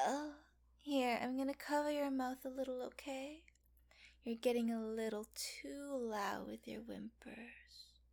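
A young woman in an intimate audio roleplay, murmuring in a hushed, teasing whisper. Her voice sits a little high with a gravelly, fry-touched texture. She speaks unhurriedly, drawing out her soft, coaxing phrases.

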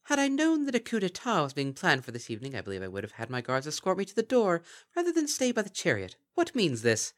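A man's voice: a little high, wildly swooping pitch, quick pace, few pauses, fairly bright tone, voice pushed up. A man voicing a tall, composed princess alicorn who speaks in a formal, old-fashioned way. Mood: dignified.

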